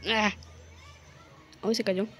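A woman's voice: mid-range voice, little pitch movement, very slow, fairly bright tone, faint music behind. A woman giving casual gameplay commentary, playfully boasting, grunting with effort and whispering asides, her throat a little sore. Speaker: gamer.

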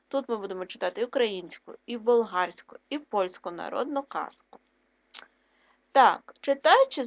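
A primary school teacher gives a recorded reading lesson for children. She explains clearly and patiently and keeps asking her pupils questions. Her voice sits fairly high for a woman.

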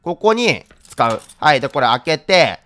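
High-pitched man crying out, easily scared gamer. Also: big pitch swings, normal speed, bright, forceful tone. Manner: repeats short phrases over and over. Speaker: gaming video host. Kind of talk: excited horror game play-along commentary.

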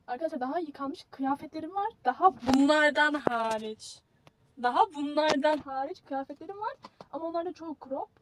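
A woman's voice: sits high, slight background noise. A young woman, rambling and teasing herself as she films a casual packing vlog. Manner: chatty, rambling, self-mocking. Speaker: vlogger.

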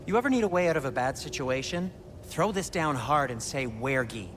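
An actor voicing an anxious, fussy dwarf smith in a video game cutscene, speaking in a worried way. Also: male voice, mid-range voice, expressive, a little fast, noisy background, close to an everyday voice.

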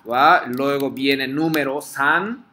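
A man's voice: mid-range voice, takes it slowly, pushed and bright, a little hiss or hum. A man teaching a class in Spanish, explaining patiently step by step and checking in with his students. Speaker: Japanese teacher.

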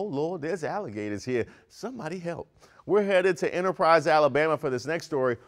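Animated wisecracking male comedy news host. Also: mid-range voice. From Maryland, US. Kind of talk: scripted comedic news commentary. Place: studio with brick wall set.

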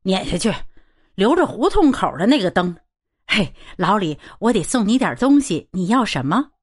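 A woman narrator voicing a friendly young man in a storybook, easygoing and warm-hearted, with an expressive, moving pitch. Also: moderate pace, breathy edge. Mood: cheerful.

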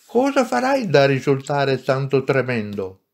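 A man reading aloud and voicing a small, eager spirit with an excited, pleading manner. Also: mid-range voice, measured pace, vocal fry, full character voice. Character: small eager newborn soul, childlike.

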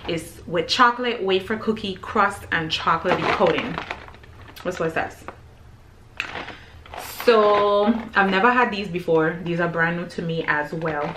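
A woman chatting casually to camera as she tastes and reviews groceries, describing each bite between pauses. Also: fairly low pitch, background noise. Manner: chatty, tasting and describing food between bites.

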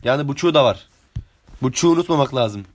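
An 18-year-old man streaming live gameplay, chatting with viewers, humming little sound effects and yelling excitedly at opponents. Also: medium pitch, fast talker. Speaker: game streamer.

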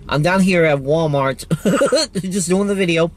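A man vlogging trackside outdoors on a handheld phone, gushing and excitable. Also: on the high side, moderate pace. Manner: excitable, gushing, loud whoops. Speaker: railfan vlogger. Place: outdoors by a railroad line near a store lot.

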